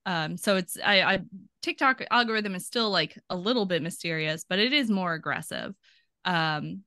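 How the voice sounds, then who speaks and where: A woman talks as a podcast guest in a lively, chatty way, laughing easily as she goes. Her voice is bright and a little sharp, and it reaches us over a video call. The sound is close and dry, with no room around it. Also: fairly low pitch, normal speed, no room sound. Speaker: podcast guest, archaeology PhD student. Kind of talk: casual interview chat.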